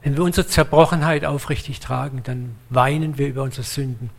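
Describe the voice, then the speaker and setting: A man preaching a sermon in a lively, blunt way, acting out the voices of the people he quotes. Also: mid-range voice, a little fast, gravelly.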